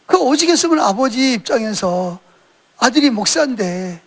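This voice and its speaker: A male pastor with an unusually high voice that is gravelly and husky delivers a sermon. He tells it like a story, in an everyday conversational tone. He acts out the lines people say as he retells the events. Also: moderate pace. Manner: colloquial storytelling, animated retelling with quoted dialogue.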